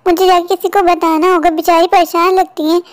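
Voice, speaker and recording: A woman voicing a kind, lonely young boy in a cartoon story, speaking softly and patiently. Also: very high-pitched, level tone, a little fast, dry recording, clean studio sound, voice pushed down. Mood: gentle. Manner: soft, gentle and patient.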